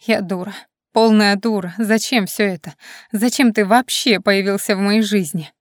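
A woman's voice: medium pitch, fairly even intonation, moderate pace, no echo, studio quality, natural voice. A woman voicing a hurt, furious young heroine. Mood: hysterical. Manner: emotional, sharp, tearful outbursts.

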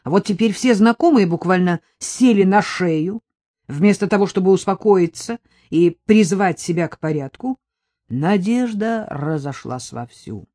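A steady audiobook narrator reading in an even storytelling manner. The voice sits at a middle pitch, recorded close and dry with no room sound. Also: unhurried, dry recording. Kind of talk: scripted narration.

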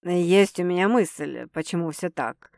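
A calm, self-assured man, as a woman reading a story puts him on, speaking slowly and evenly. The sound is dry and close. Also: lowish voice, gravelly, dry recording. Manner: calm, even, slow. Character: calm confident wealthy man.

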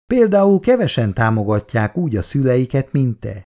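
A woman's voice: a bass voice, very animated, mellow, pitched above the performer's own voice. A man doing a fretful middle-aged mother. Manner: fretful, sighing. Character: worried middle-aged working-class mother. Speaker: mother of grown children.

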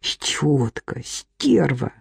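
A woman's voice: a bass voice, sing-song, very slow, creaky, breathy edge, no room sound, clean studio sound, pitched below the performer's own voice, exaggerated voice. Woman voicing a drunk aggressive man. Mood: drunken shouting. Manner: aggressive, shouting.

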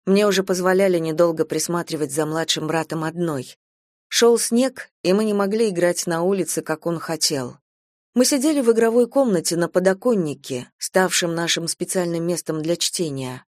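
A woman narrating an audiobook in the first person with an even, measured delivery. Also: lowish voice, no echo, clean studio sound.

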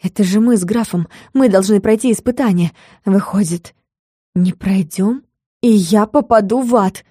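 A woman's voice: mid-range voice, moderate pace, warm tone, slightly rough, dry recording, studio quality, natural voice. A woman voicing a young witch heroine, emotional and breathless in her exclamations. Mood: frightened.

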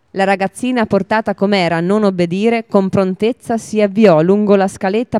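Woman reading a fairy tale, mellow. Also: mid-range voice, clear, resonant tone, no echo, clean studio sound. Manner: steady, measured storybook reading. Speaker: storyteller. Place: radio broadcast.

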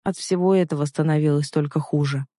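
Low-voiced woman narrating an audiobook. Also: fairly even intonation, fairly quick, dark tone, no room sound, studio quality.

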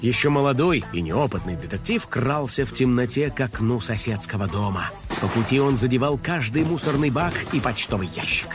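A man narrating a children's story in a lively, playful way. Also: mid-range voice, brisk, over music.

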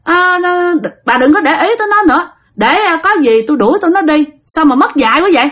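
A woman doing a gruff dismissive old landlord. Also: very high voice, expressive, quick pace, fairly bright tone, pitched above the performer's own voice. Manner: brusque, scolding.

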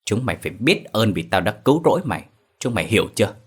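A man's voice: lowish voice, sing-song, fast talker, breathy edge. A man doing a bullying, brutish stepfather. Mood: contemptuous. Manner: contemptuous, threatening. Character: abusive brutish middle-aged stepfather, bullying.

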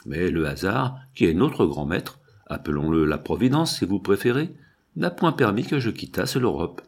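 A man narrates a novel in the first person, measured and expressive. His voice sits low and husky, and the melody swings widely as he tells the story. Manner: measured, expressive storytelling, slow at chapter headings. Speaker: audiobook narrator.

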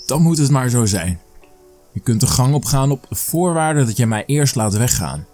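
A man's voice: medium pitch, expressive, warm tone, soft background music, lightly acted. A man voicing a clever small male mouse deer trickster, cunning and pleading, in a storybook reading. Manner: pleading, cunning and quick-witted.

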